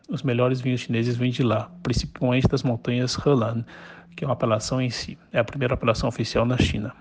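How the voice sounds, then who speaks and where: A man's voice: medium pitch, a little mellow, husky. A man from Brazil with a Brazilian Portuguese accent, speaking in an orderly, explanatory way in a prepared voice message. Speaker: guest sending a voice message.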